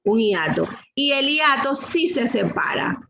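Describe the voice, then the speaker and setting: A middle-aged woman teaches a class with a high voice. She takes her time, going word by word and asking her students the same question again and again. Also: big pitch swings, creaky, fairly bright tone, slight background noise, poor audio. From Latin America. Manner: slow, patient, repeats rules and questions. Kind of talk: online class lesson.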